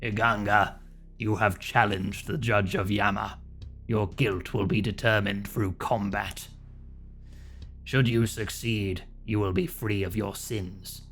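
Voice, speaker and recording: A man voicing a stern demonic judge from a video game, in a slow, solemn, possessed manner of pronouncing doom. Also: fairly low pitch, fairly even intonation, fairly bright tone, voice pushed down. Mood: menacing, judging. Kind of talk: dramatic video game role-play. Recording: music behind the voice.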